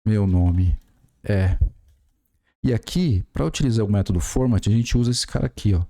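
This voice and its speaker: As he types through a screen-recorded coding tutorial, a programming tutor in his forties explains things step by step, with lots of fillers. He's Brazilian, with a Brazilian Portuguese accent and a lowish, gravelly, dark voice at a moderate pace.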